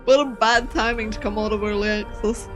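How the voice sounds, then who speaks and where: A woman's voice: medium pitch, steady tone, brisk. A woman livestreamer giving casual live reaction commentary with dry, offhand remarks. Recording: clear music in background.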